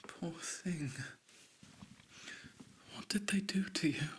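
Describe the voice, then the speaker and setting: A man voicing a tender caretaker in a breathy, hushed, comforting whispered role-play. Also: high voice, takes it slowly, voice pushed up.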